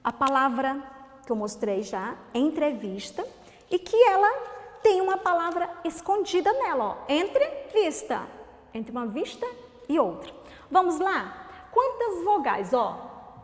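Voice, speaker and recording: A woman teacher with a Brazilian Portuguese accent giving a recorded lesson to children, talking in an animated, sing-song, coaxing way. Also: high-pitched, a little slow. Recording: echoey, reverberant room.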